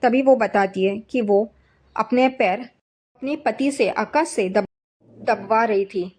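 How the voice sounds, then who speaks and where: A woman's voice: slow, a little mellow. Chatty woman retelling a drama. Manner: conversational, reads characters' quotes with slightly raised pitch. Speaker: serial recap narrator. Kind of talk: casual spoken retelling of a TV serial episode.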